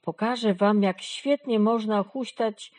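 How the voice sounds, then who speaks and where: A friendly female squirrel from a children's storybook, warmly inviting guests home, voiced by a woman reader. She speaks slowly and kindly. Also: mid-range voice, lightly acted. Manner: friendly and welcoming.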